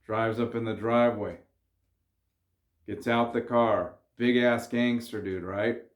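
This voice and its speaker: This vlogger's mid-range voice stays fairly even in intonation and slow in pace, with reverb around it. In a relaxed, slangy but sincere monologue to camera, he advises viewers to stay calm.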